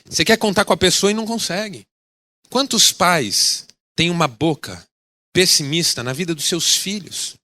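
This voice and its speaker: A man's voice: high-pitched, normal speed. A male pastor preaching a sermon, telling stories dramatically and acting out the people in them. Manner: animated, dramatic storytelling with acted quotes. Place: radio broadcast of a sermon.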